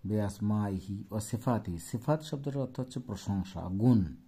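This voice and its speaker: Dark husky Bangladeshi male teacher. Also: lowish voice, animated. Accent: Bangladeshi Bengali. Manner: explains terms slowly, checks with "ঠিক আছে?". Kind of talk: textbook lesson for young pupils. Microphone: phone.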